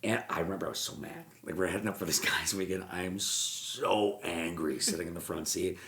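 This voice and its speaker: A man, a mortgage broker, telling stories in a podcast interview, animated and repeating words as he acts out what people said. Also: sits low, a little fast, vocal fry. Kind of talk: storytelling interview chat. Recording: roomy echo.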